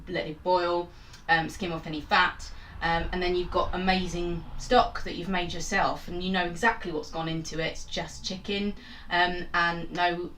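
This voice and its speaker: Woman home cook, lowish voice, chatty and rambling, recorded from a distance in a small roomy kitchen. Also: flat delivery, normal speed, few pauses, fairly bright tone, slight background noise. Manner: chatty and rambling, self-mocking asides. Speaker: home cook and channel host. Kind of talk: casual cooking demonstration.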